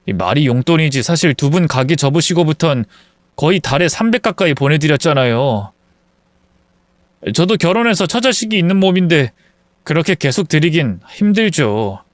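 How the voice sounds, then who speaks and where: A man's voice: a little high, lively intonation, normal speed, no echo, natural voice. A man playing a grown son, a doctor, who pushes back against his mother in a blunt, strained way. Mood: pleading. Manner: pleading, then sharp and blunt.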